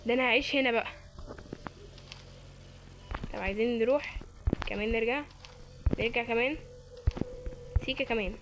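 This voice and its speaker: High-voiced Egyptian woman playing a game. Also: a little fast, pauses often, a bit bright, slight background noise. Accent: Egyptian Arabic. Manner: playful, chatty, talks to viewers. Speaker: gamer. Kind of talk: let's-play commentary.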